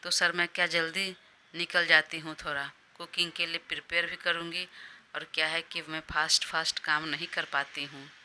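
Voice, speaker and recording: A woman's voice: low voice, flat delivery, moderate pace, bright, forceful tone, slight background noise. Woman doing a coaxing, scheming young woman. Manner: pleading, coaxing. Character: scheming young woman, a sweet-talking employee.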